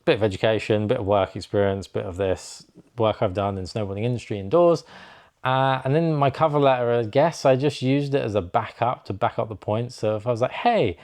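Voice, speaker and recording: A young man tells a story straight to camera in a loose, chatty vlog style. He keeps acting out both sides of the conversations he is describing. His voice sits in an ordinary middle pitch. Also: brisk. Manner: chatty, animated, acts out quoted dialogue. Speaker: snowboard instructor vlogger.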